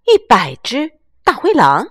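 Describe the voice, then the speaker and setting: A woman's voice: fairly high pitch, wildly swooping pitch, a little slow, husky, no room sound, clean studio sound, pitched above the performer's own voice, full character voice. A woman voicing a brave mother rabbit in a bedtime storybook, talking firmly and emphatically with her voice raised.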